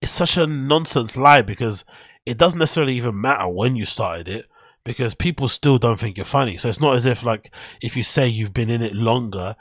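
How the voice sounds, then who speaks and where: Through a studio mic on a boom, a podcast host with a medium-pitched, somewhat bright voice is heard in a dry, studio-quality recording. Casual and skeptical, he rambles over posts and an article on screen, correcting himself as he goes.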